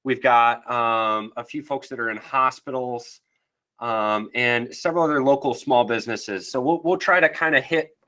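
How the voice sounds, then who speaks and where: A man's voice: mid-range voice, normal speed, sharp tone. A man with a stuffy, nasal voice from allergies, presenting a webinar in a casual, friendly way with frequent fillers.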